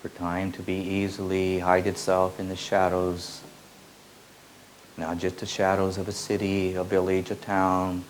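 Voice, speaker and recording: A man with a very low voice gives a spiritual teaching, repeating his phrases slowly like an incantation. His pitch barely moves. A faint hiss from an old tape sits under the voice. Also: completely flat delivery, low-quality recording. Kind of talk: slow meditative spiritual teaching.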